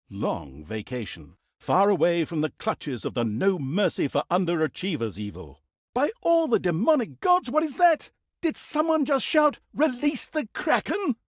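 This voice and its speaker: A man with a high, sing-song voice speaks at a moderate pace in clean studio sound with no echo. He plays a mock-grand, sardonic narrator recounting a villain's deeds in a fantasy video game, hamming it up theatrically. His mood moves from wry and dramatic to astonished.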